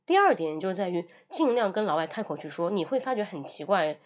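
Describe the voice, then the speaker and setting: A woman's voice: on the low side, sing-song, quick pace. Woman teaching English on a livestream. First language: Mandarin Chinese. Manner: switches between Mandarin and English, demonstrates phrases.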